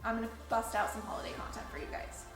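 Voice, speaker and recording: Young woman video creator, really high voice, candid playful chat, bit of music behind. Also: fast, a bit bright. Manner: candid, playful, dramatic emphasis. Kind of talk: casual chat to camera. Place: indoors at home. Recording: roomy echo, faint music behind.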